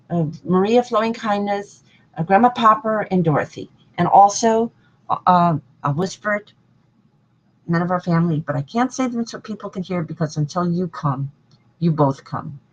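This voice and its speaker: A woman's voice: medium pitch, dull audio. A woman hosting an online devotional broadcast, listing names in a rambling, sing-song way. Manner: lists names in long chants, sing-song repetition. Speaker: host of a spiritual online broadcast. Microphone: online hangout broadcast.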